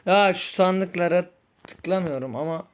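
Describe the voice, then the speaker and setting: A young man commenting on his own game play, frustrated and pleading, muttering one moment and yelling the next. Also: sits high, measured pace. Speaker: gaming streamer. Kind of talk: Minecraft-style game commentary.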